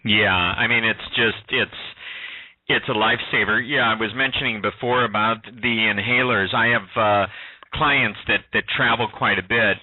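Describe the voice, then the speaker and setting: A man's voice: fairly low pitch, fairly even intonation, normal speed, dry recording. Radio host guy, lots of ums, tinny phone audio. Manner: hesitant, lots of ums and restarts. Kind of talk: casual interview talk.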